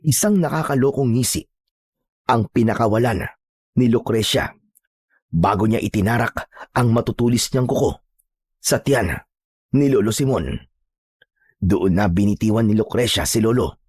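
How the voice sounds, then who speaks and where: A man narrating a first-person horror story with steady, dramatic delivery. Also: fairly low pitch, moderate pace, long pauses, breathy edge, no echo, studio quality.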